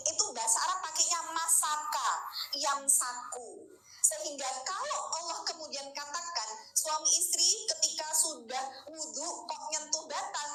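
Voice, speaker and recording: A woman's voice: sits high, bright, forceful tone. A Javanese woman in her thirties giving an Islamic study lecture to women, chatty and often asking her listeners for agreement. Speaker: religious teacher. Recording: echoey room with clear noise.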